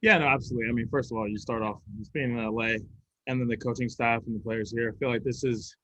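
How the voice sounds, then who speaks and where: A young Swedish college football player answers press questions in an easygoing way, laughing often and using lots of fillers. His mid-range voice is steady, fast, and a bit bright, though the audio is poor.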